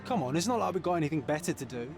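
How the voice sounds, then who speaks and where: A male actor playing an easygoing, teasing companion of a detective in a video game, familiar and gently chiding. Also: on the high side, big pitch swings, rapid-fire. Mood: teasing, friendly. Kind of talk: scripted game voice acting. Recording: music clearly behind the voice.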